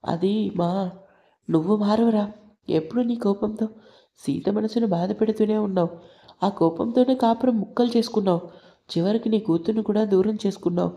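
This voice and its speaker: Storybook elder mother, loud and scolding, mellow-toned, as a woman reads her. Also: medium pitch, moderate pace, lightly acted. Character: older mother scolding her hot-tempered son.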